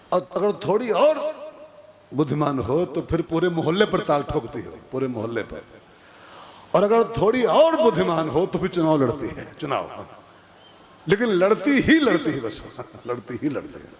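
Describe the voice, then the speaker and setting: A man giving a devotional storytelling sermon to an audience, lively and repetitive, asking rhetorical questions. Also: on the high side. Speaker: kathavachak preacher.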